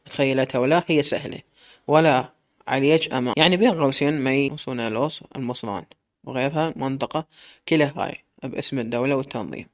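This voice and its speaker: A young male militant with an Iraqi accent, gruff and evasive, tossing out mocking riddles, as a male storyteller reads his lines. The voice sits at an ordinary middle pitch, close to the reader's own. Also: close to an everyday voice. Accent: Iraqi Arabic.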